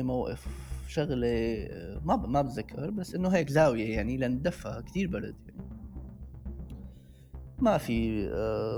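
A Syrian man speaks with a Syrian Levantine Arabic accent in a medium-pitched, slightly mellow voice. He tells a personal story casually, acting out the dialogue as he goes.

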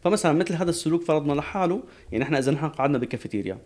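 A man's voice: on the high side, expressive, rapid-fire, a little mellow. A man, a guest expert on a talk show, explaining at length with frequent restarts.

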